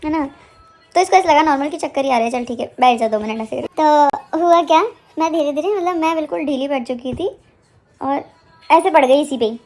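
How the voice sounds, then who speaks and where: High-voiced young woman telling a story. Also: brisk, soft background music. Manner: animated retelling, acting out what others said. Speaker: vlogger. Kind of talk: casual storytelling to camera.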